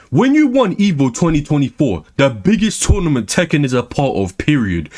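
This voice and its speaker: A young man ranting in a gaming commentary video, sarcastic and profane, his lines trailing off low at the ends.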